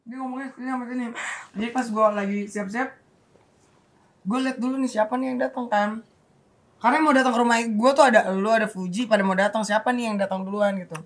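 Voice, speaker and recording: A young woman with a slightly high voice. She talks in an easygoing, laid-back way, recounting events casually among friends. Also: fairly even intonation, fast. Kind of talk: casual chat.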